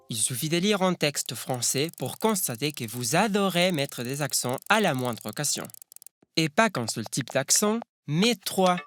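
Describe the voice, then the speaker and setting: Wry Spanish man, lively scripted narration. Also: on the high side, slight background noise. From Spain. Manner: wry, teasing, ironic.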